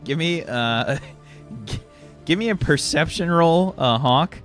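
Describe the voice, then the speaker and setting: A man running a tabletop role-playing game casually, halting and searching for words as game master. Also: a little high, lively intonation, a bit bright, soft background music.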